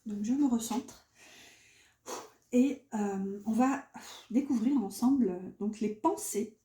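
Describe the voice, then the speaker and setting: A chatty woman who gives a loose, rambling tarot reading full of fillers and restarts. Her voice sits a touch high but sounds mellow and soft. The room around her is noticeably echoey. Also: takes it slowly. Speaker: tarot card reader. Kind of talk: casual spoken tarot reading.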